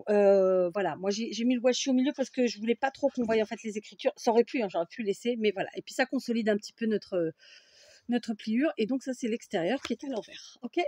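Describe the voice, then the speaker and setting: A French woman with a runny nose hosts a casual craft tutorial at her home craft table, a fan running nearby, chatting and often checking in with viewers by asking "d'accord?". Her voice sits on the high side with a darkish tone, and there is no room sound.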